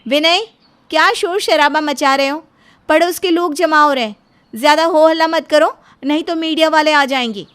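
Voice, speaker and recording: A proud young woman officer talks down to her family, cool and dismissive, as a woman storyteller puts her on. Her voice is fairly high and clipped with self-importance. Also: animated, moderate pace, lightly acted. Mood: haughty. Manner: haughty, dismissive. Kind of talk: Hindi storybook voice acting.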